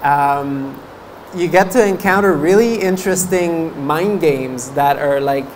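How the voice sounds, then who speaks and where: Speaking a little slowly in a fairly high voice, a man in his thirties gives a chatty dharma talk at a meditation course, laughing often between his fillers. He is a Buddhist monk from French-speaking Canada whose first language is French. The recording is low quality with slight background noise, made on a stand mic in front of him as he sits before a banner in a meditation hall, gesturing with his hands.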